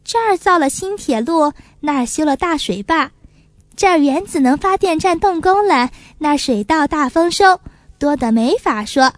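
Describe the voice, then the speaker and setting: A woman's voice: high voice, animated, no room sound. A woman voicing a kind but busy female magpie who looks after a little pigeon in a children's story. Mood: cheerful. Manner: warm, chiding, hurried.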